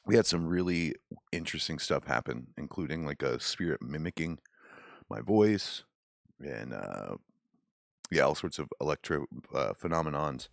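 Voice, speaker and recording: A man's voice: a bass voice, creaky, no echo, clean studio sound. A man hosting a podcast, reading listener stories aloud and joking casually with a co-host. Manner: laid-back, jokey, swears casually.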